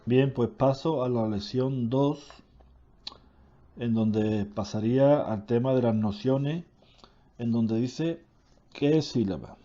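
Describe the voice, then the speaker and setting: Guy reading grammar notes real slow, fixes his slips, muffled low-fi sound. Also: mellow. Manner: slow, deliberate reading with self-corrections. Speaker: teacher reading a grammar lesson. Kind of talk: reading a grammar lesson aloud.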